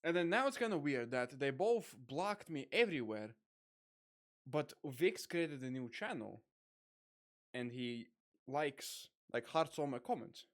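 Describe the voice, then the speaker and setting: A young man hosting a casual online chat, rambling with lots of fillers and quick laughs. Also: medium pitch, animated, a bit bright. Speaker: podcast host.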